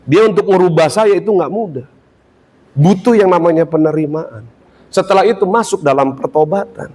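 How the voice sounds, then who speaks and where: A man preaching a sermon in a ballroom service, lively and joking with the congregation. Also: high voice, moderate pace. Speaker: pastor.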